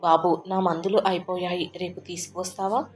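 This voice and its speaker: A woman's voice: on the low side, little pitch movement, normal speed, a little mellow, soft background music, natural voice. A woman voicing a frail, grieving old widowed father who speaks in a tearful, trembling, pleading way. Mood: sorrowful.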